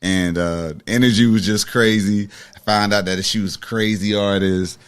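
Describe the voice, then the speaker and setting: Laid-back Atlanta man in his thirties, low voice. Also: normal speed, smooth. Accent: Southern US, Atlanta. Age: 30s. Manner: laid-back, slangy, relaxed. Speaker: podcast host. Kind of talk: casual interview chat.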